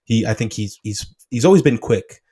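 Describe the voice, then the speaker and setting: A man co-hosting a podcast, talking casually and with strong opinions, animated and dropping "dude" often. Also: on the low side, normal speed, husky, rough recording. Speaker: podcast co-host. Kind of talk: casual sports chat.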